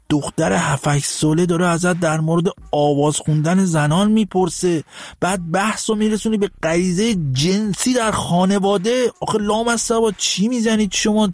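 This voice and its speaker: A man's voice: high voice, dry recording. A man hosting a satirical commentary show, mocking and scolding the clips he plays, sometimes laughing or singing a line. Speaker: host. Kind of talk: sarcastic political commentary.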